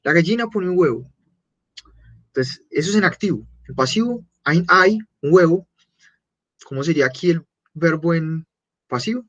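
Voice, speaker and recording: A man teaching a beginner German class, patiently repeating German phrases slowly and clearly. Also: on the high side, expressive, fairly bright tone, muffled recording.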